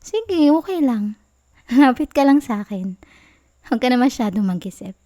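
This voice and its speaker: The same kind of ASMR roleplay: a young Filipino-accented woman acting as a pouty, clingy, playful girlfriend, soft and whiny as she teases. Here her voice is high with lively intonation at a moderate pace, sounding affectionate and teasing.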